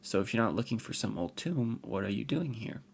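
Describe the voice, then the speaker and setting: A man's voice: lowish voice, lively intonation, fairly quick, creaky, breathy edge, pitched above the performer's own voice, full character voice. A man voicing a bold, curious village girl of nearly nine who fires blunt questions. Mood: cheeky.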